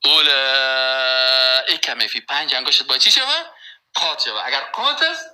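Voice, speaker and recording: A man giving a religious lecture as a preacher, slowly reciting verses and then rising into emphatic, insistent points. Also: mid-range voice, expressive, sharp tone, clear, resonant tone, poor audio.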